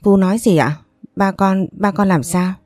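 A woman's voice: medium pitch, moderate pace, darkish tone, no echo, natural voice. A woman voicing a young, spoiled but loving rich daughter who talks in an emotional, pleading way.

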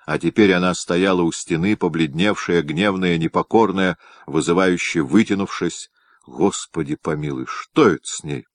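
A man narrating a historical novel aloud in a measured, expressive reading. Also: sits low, no room sound. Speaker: audiobook narrator.

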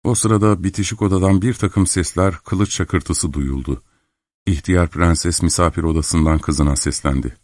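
A man calmly narrating a literary novel in the first person as an audiobook reader. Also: low voice, no echo, studio quality. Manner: calm, measured storytelling.

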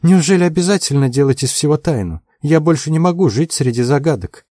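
A man's voice: on the high side, lively intonation, brisk, mellow, no room sound, studio quality, voice pushed up. A male audiobook reader voicing a distressed young woman who talks in an emotional, pleading way. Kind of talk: audiobook character voice.

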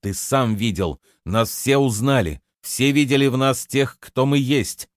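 A man's voice: mid-range voice, measured pace, dry recording, studio quality, pitched above the performer's own voice, lightly acted. Man doing a fierce young warrior woman. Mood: indignant. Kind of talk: audiobook reading.

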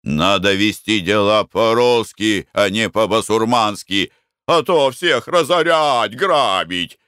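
A man's voice: on the low side, lively intonation, moderate pace, a bit bright, no echo, clean studio sound. A man voicing a scheming, hot-tempered older merchant who blusters and wheedles, in an audiobook reading. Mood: furious. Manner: blustering, sly.

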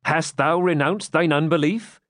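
A man's voice: fairly high pitch, unhurried, no echo, clean studio sound, pitched above the performer's own voice. A man voicing an outlaw captain who barks questions and orders. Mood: commanding. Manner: loud, commanding.

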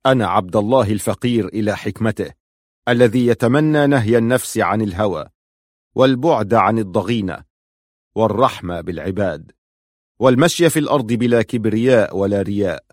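A man voicing a commanding male army chief, declaiming forcefully in an audiobook reading. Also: on the low side, lively intonation, brisk, dry recording, studio quality. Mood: solemn, rousing.

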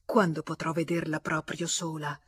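A woman's voice: low voice, flat delivery, moderate pace, breathy edge. A woman reading an audiobook aloud, voicing an ardent, anxious young man who talks in an earnest, pleading way, with an Italian accent.

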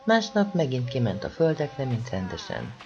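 An audiobook reader narrating a novel expressively, with strong swings in pitch and loudness. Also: big pitch swings, dull audio.

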